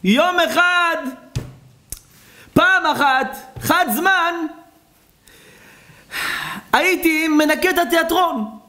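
A man voicing a humble repentant sinner who recounts his tale slowly and earnestly. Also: very high voice, sharp tone, voice pushed up.

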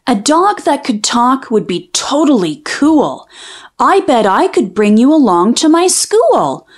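In a slow, high voice, a woman tells the story of a children's picture book, her tone lively and sing-song. The rhyming lines are drawn out.

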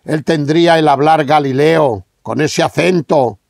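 A middle-aged man from Spain preaching a sermon, reading Scripture slowly and emphatically with rhetorical questions. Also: a little high, gravelly, darkish tone, no echo, clean studio sound.

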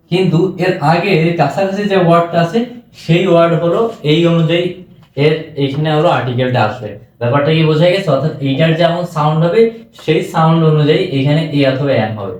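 A man's voice: on the high side, animated, fairly quick, a little mellow. A man with a Bangladeshi Bengali accent giving an exam-prep English lecture, often checking whether students have understood. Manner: keeps asking students if they understood. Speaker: English teacher. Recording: echoey room.

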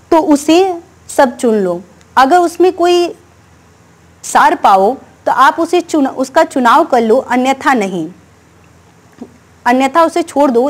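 A woman teaching a Hindi poem, reading each verse and then explaining it word by word. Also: sits high.

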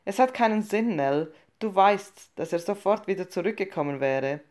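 A woman reading as a hushed guilty teenage boy. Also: medium pitch, lively intonation, normal speed, natural voice. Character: teenage boy, guilty and trying to stay calm.

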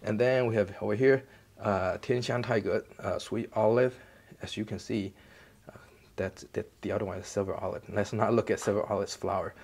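A man hosting a casual tour of his basement greenhouse, explaining plants in a relaxed, rambling way full of restarts and fillers. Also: lowish voice, normal speed. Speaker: gardening channel host. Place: indoor basement greenhouse under grow lights.

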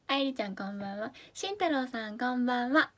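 On a casual livestream, a young Fukuoka idol reads viewer comments aloud in her Hakata accent, sounding bubbly and chatty with occasional soft asides. Her voice sits on the high side, with lively intonation and a normal speed.

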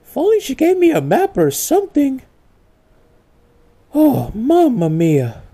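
A woman's voice: high voice, wildly swooping pitch, unhurried, mellow, heavily acted. A woman voicing an earnest, flustered male cartoon video game hero in an amateur comedic role-play, hesitant and exclaiming. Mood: puzzled.

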